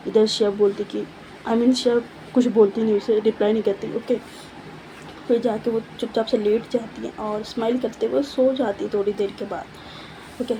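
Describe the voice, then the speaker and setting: A woman's voice: a little high, steady tone, moderate pace, warm tone, slight background noise, rough recording. A woman casually narrating a love story, chatty and repetitive, mixing in English words and fillers.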